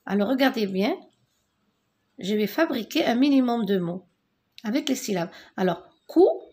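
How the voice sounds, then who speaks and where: A woman teaching a French lesson, spelling out words syllable by syllable and repeating them slowly. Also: on the high side, expressive, a little mellow.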